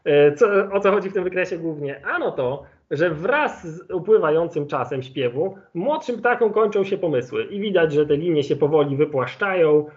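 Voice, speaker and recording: A man giving an online lecture with slides as an ornithologist, explaining in a relaxed way and thinking aloud with fillers. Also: a little high, normal speed, hardly any pauses. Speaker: ornithologist giving a webinar presentation. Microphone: video call. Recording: lo-fi video call audio.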